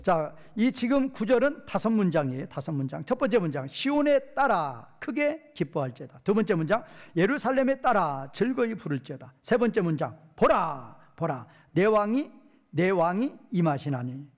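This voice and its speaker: A male pastor giving an expository Bible lecture, posing questions to his hearers and answering them himself, reading verses slowly. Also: high voice, sing-song. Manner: reads verses slowly and drawn out.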